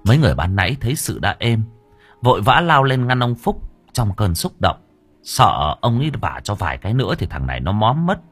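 A man tells a dark tale in a lowish voice with a very lively, rolling intonation. His dramatic delivery speeds and slows through the story, and faint music plays beneath him. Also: husky. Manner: expressive, shifting tempo. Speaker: audiobook narrator.

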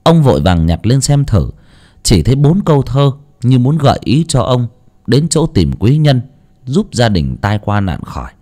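Expressive male story narrator. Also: mid-range voice, normal speed. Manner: expressive, dramatic reading. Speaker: audiobook narrator.

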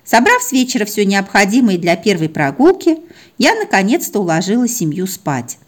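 A woman reading her own humorous story in the first person, wry and expressive. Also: medium pitch, normal speed. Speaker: narrator.

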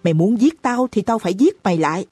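A woman voicing a hot-tempered young husband in an audiobook, hurling rapid, furious accusations. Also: mid-range voice, expressive, mellow, breathy edge, dry recording, soft background music.

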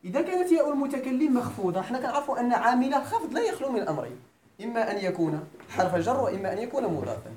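A male Arabic grammar teacher with a Moroccan accent lectures at a Quran school, regularly quizzing his students to check they follow. His very high, sing-song voice races along, and the echoey recording carries crowd noise as well as faint background noise.

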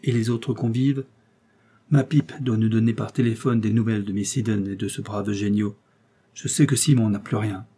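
A man's voice: lowish voice, fairly even intonation, normal speed, mellow, slightly rough. A man voicing an earnest police detective in an audiobook, speaking in an explanatory, slightly theatrical way. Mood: assured. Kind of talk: audiobook character reading.

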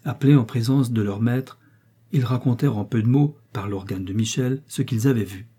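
A man narrating a classic novel as an audiobook in a measured storytelling manner. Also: mid-range voice, dark tone, breathy edge.

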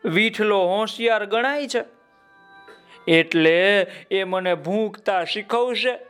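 A man telling a children's folk tale, lively and speaking straight to his listener. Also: sits high, slow pace, clear, resonant tone, faint music behind. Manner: lively, addresses the listener directly. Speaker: storyteller.

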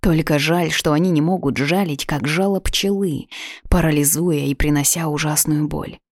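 Low-voiced woman narrating an audiobook. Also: normal speed, dry recording, studio quality. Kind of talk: first-person audiobook narration.

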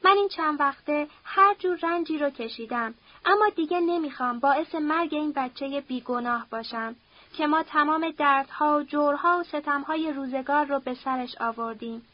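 A woman's voice: high voice, dry recording, lo-fi sound, lightly acted. Brief: a woman playing a tearful, pleading young widow; storybook reading.

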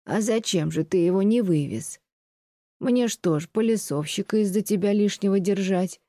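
A woman voicing a lonely, fretful old landowner lady who scolds in a slow, plaintive way, as an audiobook reading. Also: medium pitch, warm tone, no echo, clean studio sound, close to an everyday voice. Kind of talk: audiobook reading of classic prose.

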